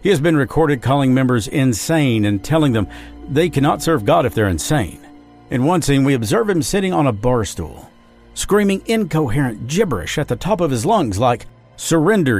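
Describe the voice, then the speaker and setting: A man's voice: medium pitch, darkish tone. A man hosting a podcast, reading a scripted true-crime narration and quoting sources. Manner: measured storytelling, reading quotes. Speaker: podcast host. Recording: dry studio voice with faint music.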